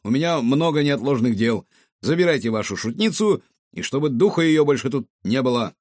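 Guy as a grumpy skeptical cop, brusque, kinda husky. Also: medium pitch, animated, fairly quick, a little mellow, dry recording, natural voice. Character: dismissive, impatient adult male police investigator.

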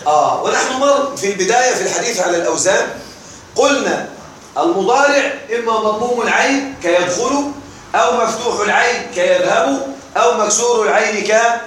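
High-voiced man teaching, echoey room. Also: brisk, a bit bright, a little hiss or hum. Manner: asks the class questions and answers them himself. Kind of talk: classroom lesson explaining grammar. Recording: echoey room recorded from a distance.

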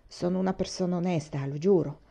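A woman's voice: on the low side, steady tone, fairly quick, vocal fry. A woman voicing a brash, blunt orphan girl who talks back defiantly. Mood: stubborn. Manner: blunt and defiant, loud outbursts.

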